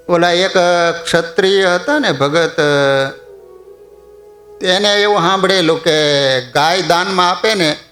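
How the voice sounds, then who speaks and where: A man's voice: sits high, bright, forceful tone. A male preacher telling a devotional story in a chatty way, often putting questions to his audience. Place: temple hall. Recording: echoey hall, faint music behind.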